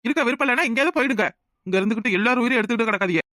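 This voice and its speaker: Rasu, a man voicing a fast, sharp village son. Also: very high-pitched, lively intonation, no room sound, studio quality, full character voice. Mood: exasperated. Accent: Kanyakumari Tamil. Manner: curt, exasperated, scolding. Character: irritable young village man Rasu, defensive. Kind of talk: cartoon voice acting.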